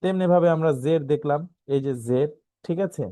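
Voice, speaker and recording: A man with a Bangladeshi Bengali accent, teaching an online Quran reading class, spelling out letters slowly and often checking in with "right?". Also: fairly high pitch, warm tone, clear, resonant tone, no room sound, clean studio sound. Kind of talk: online lesson.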